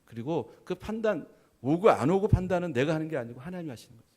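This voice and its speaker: A middle-aged man, a pastor, giving a conversational sermon. He tells stories, keeps adding "yes", and swings between loud emphasis and soft, trailing phrases. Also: fairly high pitch, lively intonation, quick pace. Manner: conversational storytelling with frequent "예" affirmations.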